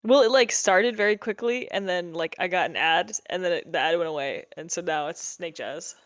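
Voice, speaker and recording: A woman's voice: fairly low pitch, moderate pace, dry recording. A woman chatting casually and wryly as a player in a tabletop role-playing game. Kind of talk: casual wry game chat.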